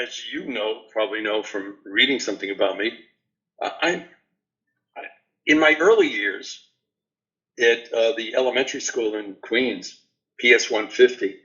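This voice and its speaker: A man in his seventies from New York City, a guest answering interview questions in an unhurried, rambling way with many fillers. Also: mid-range voice, a bit bright, muffled recording. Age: 70s. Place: remote call from a beach house.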